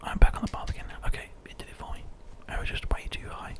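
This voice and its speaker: A British man hosts ASMR game commentary in a constant breathy whisper. He rambles softly, gently, and without any hurry.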